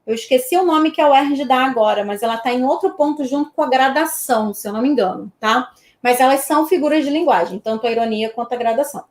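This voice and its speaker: A woman from Brazil leads an online exam-prep lesson with a high voice. She keeps it chatty, checking in with her students after nearly every point. The room around her is echoey. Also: fast talker, darkish tone. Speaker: teacher.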